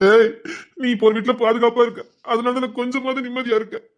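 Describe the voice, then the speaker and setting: A woman's voice: fairly high pitch, flat delivery, fast, natural voice. A woman voicing an anguished man about to go to jail, pleading tearfully with his lover to leave him. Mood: resigned. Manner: pleading, tearful, urging her away. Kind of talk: Tamil web drama voice acting.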